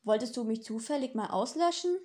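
A woman's voice: a little high, lively intonation, fairly quick, a little mellow, natural voice. Storybook demon, male, dry and sneering, as a woman reader voices him. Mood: mocking. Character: sarcastic mocking male demon, grinning. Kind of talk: audiobook dialogue.

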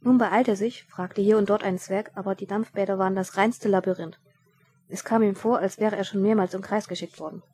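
A woman narrating a humorous story aloud with lively storytelling and occasional small slips. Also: medium pitch, brisk. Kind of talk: audiobook storytelling.

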